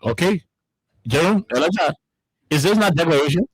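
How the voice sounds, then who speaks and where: A man's voice: a little high, animated, normal speed, husky, dry recording, rough recording. A man with a Liberian English accent, hosting a heated political panel talk and repeating words as he presses his points. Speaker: talk show host.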